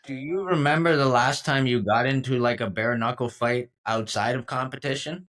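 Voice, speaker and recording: A man's voice: mid-range voice, moderate pace, fairly bright tone. A man co-hosting an interview, asking short, friendly questions and reacting with encouragement.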